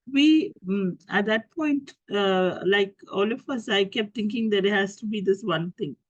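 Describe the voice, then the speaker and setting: A middle-aged Indian woman with a cold and cough gives a talk to an online group as a guest speaker, her mid-range voice darkish with a breathy edge. She speaks Indian English haltingly, stopping and restarting often with many fillers. The dry recording has the dull, lo-fi sound of call audio.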